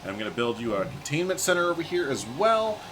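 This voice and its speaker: This gaming video host has a fairly high, sing-song voice and talks quickly. He chats informally and thinks aloud while playing, giving casual let's-play commentary over faint background noise and game ambience.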